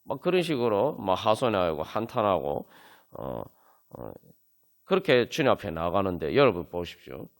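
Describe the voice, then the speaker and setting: Male pastor, Seoul Korean accent, lively swooping pitch, earnest sermon delivery with fillers and emphatic climbs. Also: normal speed, gravelly. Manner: earnest preaching with many fillers, rising to emphatic peaks. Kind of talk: sermon at a Friday prayer meeting. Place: church sanctuary.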